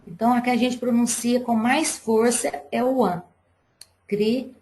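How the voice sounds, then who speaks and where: A woman's voice: on the high side, steady tone, moderate pace, darkish tone. A woman teacher giving a live online class to young pupils, explaining patiently and step by step.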